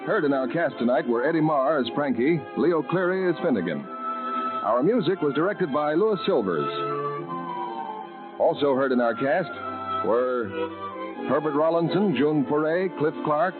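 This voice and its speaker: A male radio announcer reading credits in a formal, measured 1940s radio style, heard as an old broadcast. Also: on the high side, lively intonation. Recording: tinny narrow-band old radio recording with music behind. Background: music.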